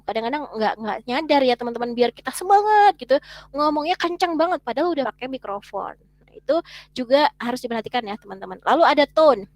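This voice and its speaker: High-voiced lively woman teaching online. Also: no echo. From Indonesia. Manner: lively, chatty, asks the audience questions. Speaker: webinar teacher.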